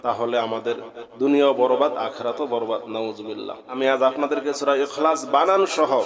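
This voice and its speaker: A man, teaching Quran recitation in an earnest, warning tone. He spells out the Arabic letters one by one and recites in a drawn-out chant. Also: mid-range voice, a crowd in the background. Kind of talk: religious lesson with slow Quran recitation.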